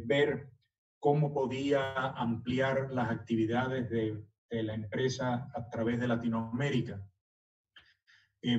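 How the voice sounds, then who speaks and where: Man in his sixties, born in Cuba, presenting slides in a hesitant way; warm tone, muffled far-off audio. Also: mid-range voice. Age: 60s. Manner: hesitant, many filler sounds. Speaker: architect giving a talk.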